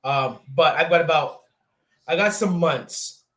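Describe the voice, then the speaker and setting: A young man in his late twenties, his voice on the high side and a bit bright, hosts a laid-back sports podcast at a slightly slow pace. He rambles chattily with lots of ums and restarts while keeping the conversation moving between guests. A little hiss or hum can be heard.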